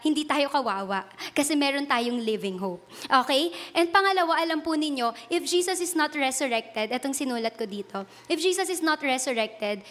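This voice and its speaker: High-voiced Filipino woman preaching. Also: fairly bright tone. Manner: earnest, switching between Tagalog and English; retells a personal story with laughs and self-corrections. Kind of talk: sermon.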